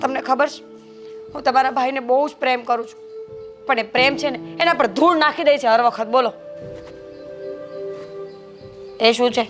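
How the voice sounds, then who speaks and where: A high-voiced, sharp-tongued young wife with a Gujarati accent, quick to sulk and scold, as an actress plays her. She talks in a complaining, lecturing way. Soft film music plays underneath. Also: fairly even intonation. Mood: aggrieved. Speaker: young wife in a family drama. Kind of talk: Gujarati family drama acting.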